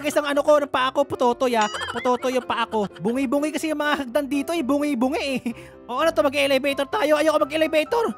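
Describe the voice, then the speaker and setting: Woman, gaming commentary, high voice, giggly, joking, faint music behind. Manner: joking, giggly, chatty with in-game characters. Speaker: gaming YouTuber. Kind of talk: playful game commentary.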